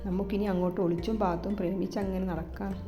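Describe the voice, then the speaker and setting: A woman reads the part of a young man in a romantic audio story, gentle and teasing toward the girl he loves. His soft, playful lines sit in a warm, mellow voice with faint music underneath. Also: medium pitch, level tone, fast, close to an everyday voice. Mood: tender teasing.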